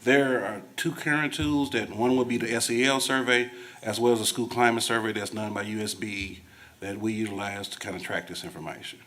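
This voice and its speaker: A man's voice: lowish voice, fairly even intonation, fairly quick, fairly bright tone. A man with a Southern US accent, a district staff member answering board questions in a folksy, apologetic, conversational way. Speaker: school district staff presenter. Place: school board meeting room.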